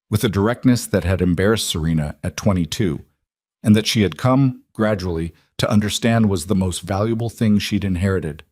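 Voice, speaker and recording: A man giving measured, reflective scripted narration of a drama story. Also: on the low side, darkish tone, no echo.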